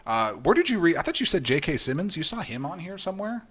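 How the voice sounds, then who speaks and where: Blunt podcast guy with a bright voice. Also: on the high side, big pitch swings, quick pace. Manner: opinionated, frank, restarts a lot. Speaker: podcast co-host. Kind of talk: casual chat.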